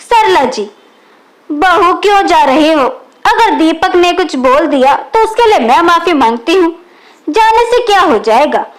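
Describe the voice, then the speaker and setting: A woman reading the lines of a gentle, patient older mother-in-law in a storybook reading, in a soft, soothing way. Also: extremely high pitch, lively intonation, a little slow.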